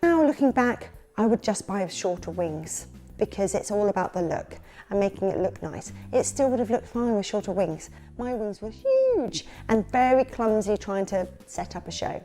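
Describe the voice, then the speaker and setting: A woman's voice: medium pitch, sing-song, normal speed, warm tone. A woman with a London accent, a children's party entertainer giving candid, chatty practical tips in a casual advice vlog. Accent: London English.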